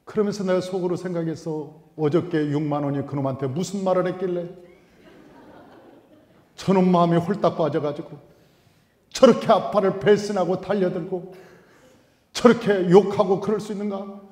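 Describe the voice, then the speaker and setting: A male pastor delivering a storytelling sermon in a church sanctuary, swinging between hushed asides and loud, emphatic outbursts. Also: high-pitched, steady tone, normal speed, long pauses. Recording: echoey hall.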